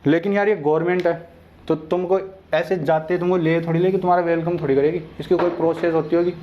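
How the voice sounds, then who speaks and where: A man's voice: fairly high pitch, steady tone, fast. A young man teaching an online exam-prep lesson in a casual, chatty way, talking straight to his viewers. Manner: chatty, addresses viewers directly and familiarly. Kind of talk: casual informal lecture. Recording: dull lo-fi sound.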